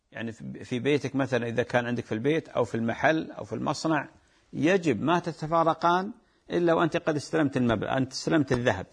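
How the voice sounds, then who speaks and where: A man's voice: fairly high pitch, vocal fry, slightly rough. A man with a Gulf Arabic accent, an Islamic scholar answering callers' religious questions in a patient, explanatory way that repeats key points. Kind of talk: religious call-in Q&A.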